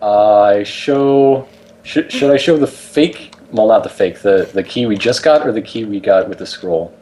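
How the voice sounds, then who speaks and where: A man's voice: fairly low pitch, a little slow, mellow, a little hiss or hum. A man playing a tabletop game, talking casually as he makes his moves and banters in character.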